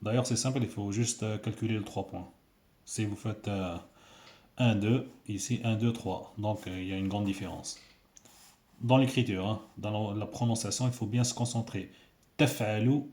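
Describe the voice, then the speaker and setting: A man's voice: lowish voice, mellow. A man teaching a casual video lesson, patiently repeating sounds for learners. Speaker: Arabic teacher. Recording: echoey room.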